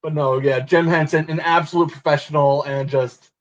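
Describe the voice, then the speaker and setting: A man's voice: a little high, steady tone, moderate pace, lo-fi sound. A man hosting a casual watch-along chat, rambling and laughing often, heard over a distorted internet call. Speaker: podcast host. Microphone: laptop on video call.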